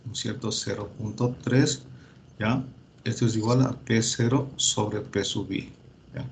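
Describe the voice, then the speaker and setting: A man teaching a class, working through calculations step by step, often pausing with fillers and checking that his students follow. He tells them to verify the results themselves. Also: lowish voice, gravelly, slight background noise. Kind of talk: lecture.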